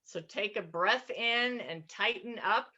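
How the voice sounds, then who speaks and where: A cheery woman in her sixties guides a group through laughter exercises with lots of laughing and cheering. Her voice is bright and her delivery unhurried. The sound is dull and lo-fi, like a video call. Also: mid-range voice. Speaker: laughter yoga leader. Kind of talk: leading an online group exercise class.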